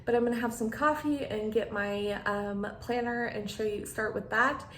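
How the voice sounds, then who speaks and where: A woman's voice: a little high, steady tone, normal speed, a bit bright. A woman chatting casually to her viewers as a vlogger, with a slight lisp from wearing a retainer. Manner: friendly rambling chat addressed to viewers. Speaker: beauty vlogger and channel host. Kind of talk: casual chatty sit-down vlog. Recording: echoey room with clear background noise.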